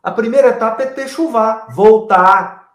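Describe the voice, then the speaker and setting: A man, a guest giving a didactic spiritual talk with animated explanations. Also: high voice, moderate pace, roomy sound. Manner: animated explaining, addresses the host by name. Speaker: guest speaker.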